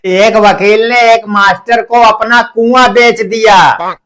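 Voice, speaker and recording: High-voiced man telling jokes slowly. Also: fairly even intonation, over loud music. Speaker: joke teller. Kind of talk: narrated joke telling.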